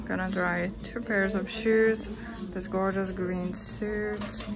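A young woman chatting casually as she films a clothing try-on in a store fitting room, holding her phone at arm's length. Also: medium pitch. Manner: relaxed, chatty, enthusiastic about clothes. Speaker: fashion vlogger. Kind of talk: casual try-on haul narration.

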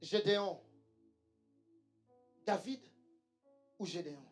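A woman's voice: medium pitch, slow, faint music behind. A woman preaching a sermon with emphasis, repeating lines and calling the congregation to say them back. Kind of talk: church sermon.

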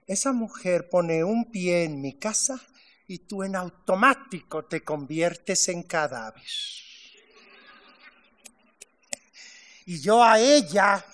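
A man's voice: sits high, expressive, unhurried, a bit bright. A man playing a flamboyant, jealous middle-aged drag star on a theater stage, campy and sarcastic with swooping indignation. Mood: mock-sweet. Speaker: stage actor in a musical. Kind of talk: live stage musical acting.

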